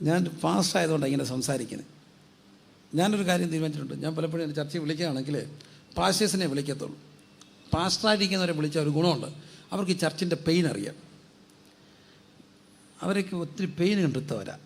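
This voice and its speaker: A man preaching as a guest pastor, asking rhetorical questions, answering them himself and urging the congregation to repeat after him louder. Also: on the high side, animated, fast, creaky, pauses often, slight background noise. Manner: drives call-and-response, urging the crowd to say it louder. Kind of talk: sermon.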